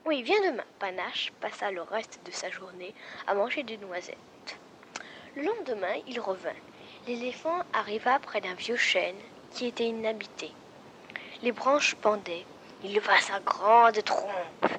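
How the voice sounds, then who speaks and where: A woman improvising a story about forest animals, halting and restarting as she goes. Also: mid-range voice, a bit bright, slight background noise.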